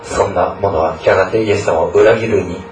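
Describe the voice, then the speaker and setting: Low-voiced guy preaching to students, earnest, kinda far from the mic, echoey room. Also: steady tone, fairly quick, a little mellow, slight background noise. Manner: earnest, often adds a questioning tag to sentences. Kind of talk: scripture reading, prayer and sermon.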